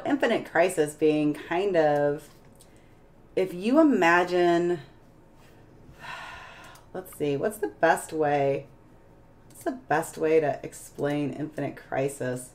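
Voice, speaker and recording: A woman streamer chatting casually on a live stream, tired and a bit hoarse, rambling as she searches for words. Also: low-pitched, lively intonation, slow, long pauses, darkish tone. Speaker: game streamer.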